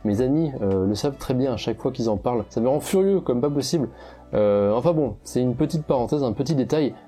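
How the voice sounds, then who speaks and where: A man's voice: mid-range voice, animated, fairly quick, dark tone, husky, faint music behind. A young French man with a French accent, casually telling travel stories with lots of fillers and restarts. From France. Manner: chatty, many fillers and restarts. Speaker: travel photographer vlogger.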